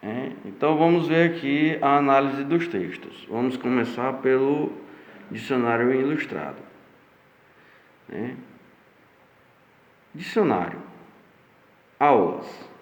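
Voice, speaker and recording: A Brazilian male teacher gives a recorded lesson at an unhurried pace, reading entries aloud and explaining each one. His voice sits at an average pitch. The room sounds echoey, with a long tail, and the audio is dull and lo-fi. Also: expressive. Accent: Brazilian Portuguese. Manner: slow, explanatory, reads entries aloud with frequent "né?". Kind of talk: online class lesson.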